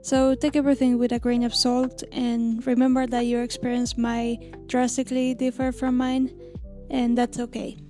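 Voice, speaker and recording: A woman in her thirties from Argentina, an illustrator narrating her own story in a gentle, reflective scripted voice-over. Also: fairly high pitch, completely flat delivery, moderate pace. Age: 30s. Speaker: illustrator and channel host. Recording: lo-fi music bed under voice.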